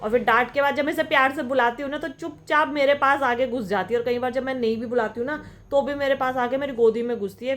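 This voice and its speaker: A woman's voice: fairly high pitch, slight background noise. A young woman chatting casually in a home vlog, cooing now and then to her pet dog. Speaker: vlogger. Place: at home indoors.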